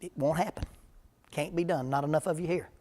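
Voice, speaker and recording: A man's voice: a little high, a little fast, dark tone. A man, a preacher leading a parenting seminar in plain-spoken, humorous talk before a live church audience.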